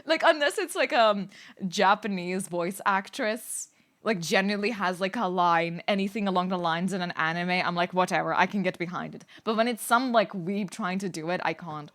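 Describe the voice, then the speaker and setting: A woman's voice: medium pitch, normal speed, fairly bright tone. Laughing, rambling woman streamer. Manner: rambling, laughs often, swears, cringing. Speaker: VTuber streamer. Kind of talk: casual live-stream chat.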